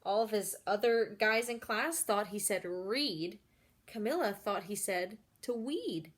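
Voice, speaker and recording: A woman with a mid-range voice reads a picture book aloud to children at a moderate pace, her intonation fairly even. She reads expressively as a storyteller and breaks off for chatty asides aimed directly at her young listeners.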